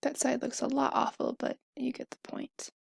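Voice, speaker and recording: A young woman explains in a loose, chatty way, stopping to fix her own wording as she goes. Her fairly high voice has a gravelly fry to it. The recording is dry and close, with no room sound. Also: little pitch movement, moderate pace, dry recording. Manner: chatty, self-correcting, fillers and asides. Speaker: student explaining a topic. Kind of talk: casual explanation while drawing on a whiteboard.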